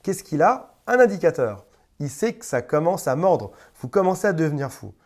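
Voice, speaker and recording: A man's voice: a little high, big pitch swings, normal speed. A man speaking as a relationship coach, giving advice straight to camera in a conversational way, addressing the viewer informally and often repeating words. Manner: conversational, repeats words, briefly acts out quoted exchanges.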